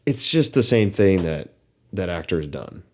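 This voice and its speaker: A young adult man co-hosting a podcast, talking casually about a movie with many pauses, fillers and restarts. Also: sits low, sing-song. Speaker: podcast co-host.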